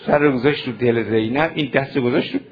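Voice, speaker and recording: A man leading a religious mourning sermon, speaking straight to the gathering and moving into slow chanted lament. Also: medium pitch, lo-fi sound. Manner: moves from spoken storytelling into slow chanted lament; addresses the gathering directly. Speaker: mourning preacher.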